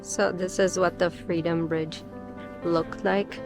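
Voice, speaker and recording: A woman's voice: on the low side, steady tone, takes it slowly, over music. A young woman talking casually on a travel vlog, explaining things to the camera with frequent ums while on an outdoor guided tour in cold weather. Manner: chatty, explanatory, with frequent um fillers. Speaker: travel vlogger.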